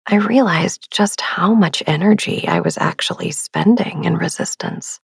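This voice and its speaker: A woman hosting a sleep meditation podcast, talking in a soft, slow, soothing whisper. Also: lowish voice, vocal fry, husky, dry recording. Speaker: podcast host.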